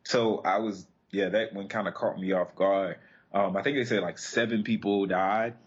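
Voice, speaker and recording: A man's voice: fairly low pitch, steady tone, normal speed, highs cut off. An American man hosting a talk show in a casual, conversational way. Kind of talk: casual chat.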